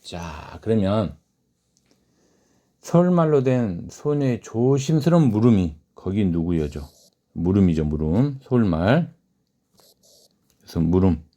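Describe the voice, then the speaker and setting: Guy teaching lit class, low mellow voice, keeps asking the class stuff then answers it himself. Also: big pitch swings, unhurried, pauses often. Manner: asks the class questions and answers them himself; reads quoted lines aloud in a raised voice. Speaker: literature teacher. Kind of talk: classroom lecture on a short story.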